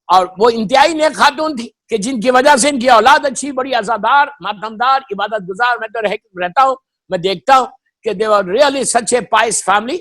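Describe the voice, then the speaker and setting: A male cleric delivers a fervent sermon in a strikingly high, forceful voice. He hammers his points through repetition, drops into English phrases and often climbs to a shout. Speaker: Shia cleric giving a memorial majlis. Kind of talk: impassioned sermon.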